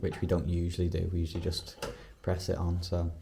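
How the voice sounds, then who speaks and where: A man's voice: low-pitched, monotone, brisk, vocal fry, background noise. A man hosting a casual home vlog, chatting upbeat about coffee and his meals in the kitchen. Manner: chatty, upbeat commentary on food and training. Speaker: vlog host.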